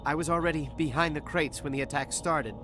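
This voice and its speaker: An actor playing a nervous dockworker who stammers and sounds shaken after an attack. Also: male voice, on the high side, steady tone, fairly quick, lightly acted. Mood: frightened. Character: nervous male dockworker, frightened survivor. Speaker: game character. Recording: game audio with music behind.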